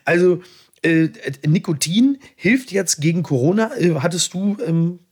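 A man's voice: sits high, unhurried, husky. A man co-hosting a casual chat podcast, talking in a dry, ironic way with hesitations. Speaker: podcast co-host.

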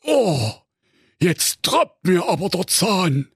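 A man's voice: high-pitched, big pitch swings, slow, slightly rough, no room sound, clean studio sound, voice pushed up, exaggerated voice. A man voicing a greedy, pompous male ogre in a comic fairy tale, with a raised, blustering, bossy voice. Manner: bossy, blustering, shouting orders.

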